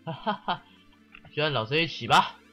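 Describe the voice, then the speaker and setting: A man's voice: a little high, lively intonation, normal speed, bright, forceful tone, soft background music. A man giving casual let's-play commentary, sarcastic and swearing often while mockingly reading the game's text aloud.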